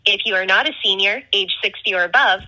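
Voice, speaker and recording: A woman's recorded automated phone menu message, reading scripted prompts in a slow, measured, evenly enunciated way. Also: medium pitch, bright, forceful tone, low-quality recording.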